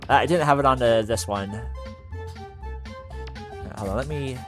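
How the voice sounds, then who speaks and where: A male streamer chatting casually on a livestream while working on 3D art, speaking haltingly with many fillers and half-finished sentences. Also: mid-range voice, music in the background.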